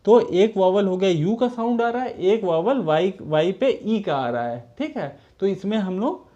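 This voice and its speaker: A man's voice: sits high, lively intonation, unhurried, mellow. A man teaching a school lesson to children, patiently reading English sentences out word by word and repeating them. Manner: addresses the pupils as children. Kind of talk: recorded classroom lesson. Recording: dull lo-fi recording.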